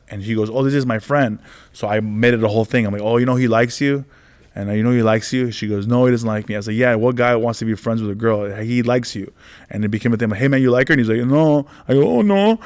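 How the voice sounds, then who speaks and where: A man who does stand-up comedy, chatting in a loose, rambling way. He keeps restarting his sentences and fills them with "like" and "you know". He slips into quick impressions of the people in his stories. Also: mid-range voice. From United States. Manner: rambling, many restarts and "like" fillers, acts out quoted voices. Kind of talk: casual interview storytelling.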